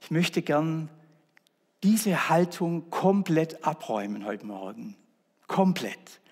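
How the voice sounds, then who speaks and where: A man's voice: on the high side, expressive, slow pace, slightly rough. A man preaching a sermon in a church, emphatic and repeating his key words. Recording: echoey church reverb.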